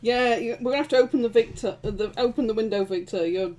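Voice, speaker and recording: A woman's voice: fairly high pitch, fast, a little mellow, a little hiss or hum. A woman painting a miniature at her home desk, chatting casually and teasingly with her family. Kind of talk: casual chat while painting.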